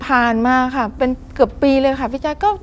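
A woman's voice: high-pitched, fairly even intonation, fast. A woman calling in to tell a personal story. She speaks politely and animatedly, often addressing the host, and acts out voices as she goes. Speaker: caller sharing a personal experience. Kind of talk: vivid spoken storytelling.

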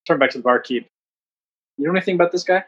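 A man's voice: fairly high pitch, rapid-fire, a bit bright, breathy edge. A man playing a tabletop game, chatting casually as he role-plays, on a slightly muffled recording.

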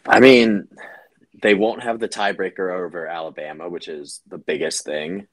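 A man co-hosting a podcast in casual sports chat, measured and analytical. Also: low-pitched, fairly even intonation, no room sound. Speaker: podcast co-host.

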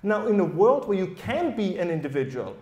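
A man with a German accent addresses a live audience in a loose, conversational way, often tossing in a quick "right?". His voice sits fairly high for a man and rings out in an echoey hall. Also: very animated, darkish tone, muffled recording. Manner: conversational, keeps checking in with "right?". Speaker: panel speaker. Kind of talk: live panel talk to an audience. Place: event hall at a summer school.

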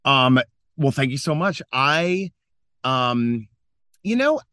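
A bright, forceful American man talks casually as a podcast guest. He is tucked inside a clothes closet, so the sound is close and very dry, with no room around it. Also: medium pitch, very animated, slow pace, smooth, no echo. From Western North Carolina, United States. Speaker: podcast guest, social impact entrepreneur. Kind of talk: casual interview chat.

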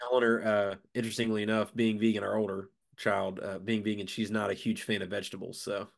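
A man's voice: lowish voice, little pitch movement, fast, vocal fry. A man with a stuffed-up, nasal voice congested from a sinus infection, chatting casually as a podcast co-host.

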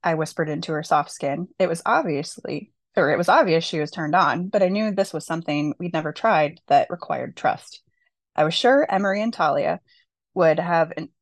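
Low-voiced woman reading her novel aloud. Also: no echo. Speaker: author.

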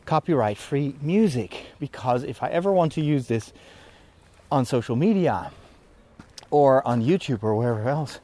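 A priest and vlogger films a walking vlog monologue as he climbs a hill in the woods, tired and out of breath. His mid-range voice is mellow and expressive at a normal speed, and he rambles along with self-deprecating asides.

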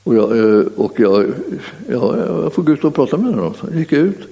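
A man preaching a sermon and telling a personal story, halting and repeating himself with many fillers and restarts. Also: a little high, sing-song, gravelly, warm tone. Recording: long hall reverb.

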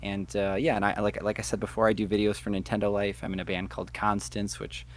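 A man's voice: lowish voice, monotone, quick pace. A man appearing as a podcast guest, chatting in a friendly, rambling way with many fillers. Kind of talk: casual podcast chat.

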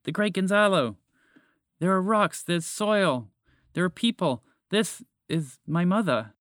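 A man voicing an excited young girl who explains things in a quick, urgent rush for a storybook podcast. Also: high-pitched, dry recording, studio quality, voice pushed up.

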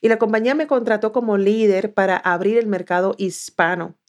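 A woman's voice: mid-range voice, fairly quick. Puerto rican lady chatting as a podcast guest, tells her story with energy, plays out what she used to say. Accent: Puerto Rican Spanish. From southern Puerto Rico. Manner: lively storytelling, acting out her own past words. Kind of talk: casual interview.

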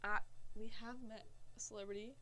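A woman's voice: medium pitch, flat delivery, a little fast, sharp tone, slight background noise. A young woman from Southern California, co-hosting a podcast in casual, giggly, self-deprecating chat. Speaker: podcast co-host.

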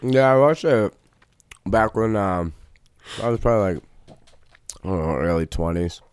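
A man's voice: on the low side, moderate pace, smooth, no echo. A man guesting on a podcast, talking bluntly and swearing casually. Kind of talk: casual chat.

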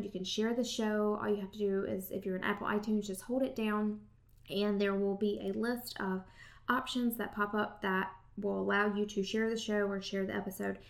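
A woman's voice: medium pitch, a little mellow. A woman with a Southern accent, hosting a podcast and talking straight to her listeners in a casual, chatty way. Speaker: podcast host.

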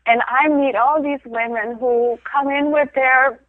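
A middle-aged Danish woman who photographs women speaks reflectively as a guest in a casual interview. Her high-pitched voice has fairly even intonation and a slightly slow pace, with no room sound over a tinny phone line. She laughs often and restarts her sentences.

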